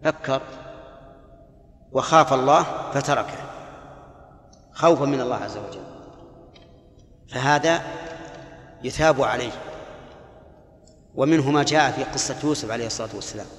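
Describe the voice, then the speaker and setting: A man, an Islamic scholar, answering questions in a religious lesson, explaining in a measured way and chanting quoted verses. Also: medium pitch, a bit bright. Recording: echoey hall with long reverb.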